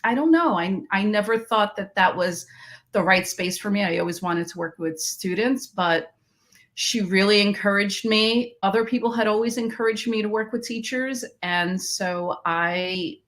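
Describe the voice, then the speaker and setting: A woman from Queens, New York, speaks in a mid-range voice that's fairly bright and a little slow. She's a math education researcher appearing as a podcast guest, recounting her story reflectively in an interview and often restarting her sentences.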